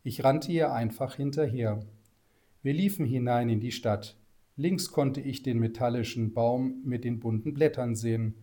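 Brief: man narrator, warm and mellow, measured storybook reading. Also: medium pitch.

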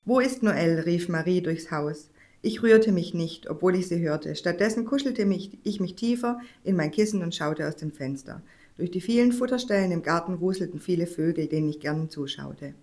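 Woman calmly reading a children's story. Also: fairly low pitch, normal speed. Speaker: reader.

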